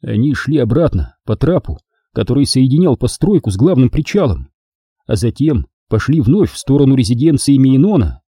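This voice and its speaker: A man narrating an audiobook in an even storytelling manner. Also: mid-range voice, normal speed, slightly rough, no room sound, studio quality.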